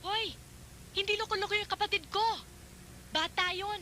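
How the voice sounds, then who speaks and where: A feisty, earnest sister in a film. Her voice is high and bright, with faint noise behind it. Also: a little fast. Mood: indignant. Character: feisty woman searching for her lost young sibling.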